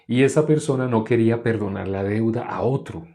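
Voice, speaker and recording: A man's voice: mid-range voice, fairly quick, dark tone. A man preaching a sermon in an earnest, repetitive way, often asking the congregation questions.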